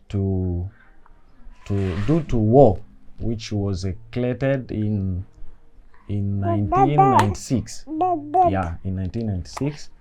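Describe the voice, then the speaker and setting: Slow, halting young man from Congo. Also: lowish voice, background noise. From eastern Congo. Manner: halting, searching for words. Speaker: refugee interviewee. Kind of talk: documentary interview.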